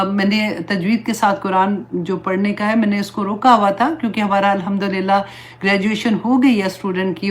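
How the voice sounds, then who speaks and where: A woman with a medium-pitched voice delivers an earnest, pleading religious talk as an Islamic teacher. She slips English words into her speech.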